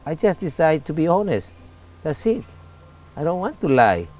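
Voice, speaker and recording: A man's voice: a little high, big pitch swings, darkish tone. Candid Salvadoran man in his forties. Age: 40s. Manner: earnest, candid, halting non-native English. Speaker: interviewee. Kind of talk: casual interview talk.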